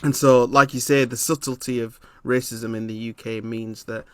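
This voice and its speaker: Man from Leeds, reflective conversational delivery, mid-range voice, dry close sound, frequent pauses. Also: mid-range voice, little pitch movement, smooth, dry recording. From Leeds, England. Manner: thoughtful, hesitant with frequent ums; laughs often while telling stories. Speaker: interviewer.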